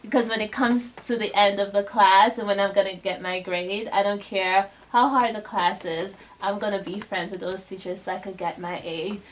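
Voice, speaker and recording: A woman's voice: medium pitch, fairly even intonation, normal speed, few pauses, slight background noise, rough recording. A young woman giving a casual motivational talk to a group of girls, chatty, with many fillers and restarts. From Bahamas. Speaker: guest speaker to a girls' group.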